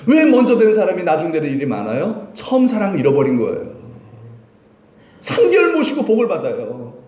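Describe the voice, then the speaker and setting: A male pastor preaching a sermon. He asks the congregation questions and answers them himself, swinging from loud emphasis to quiet, low lines. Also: wildly swooping pitch, a little fast. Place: church sanctuary. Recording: echoey church hall.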